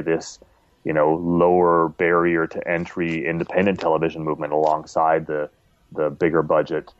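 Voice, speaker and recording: A man's voice: deep voice, dry recording. A man giving a casual interview as an independent series maker, talking in a thoughtful, discursive, earnest way. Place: at home. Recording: dull, muffled lo-fi audio.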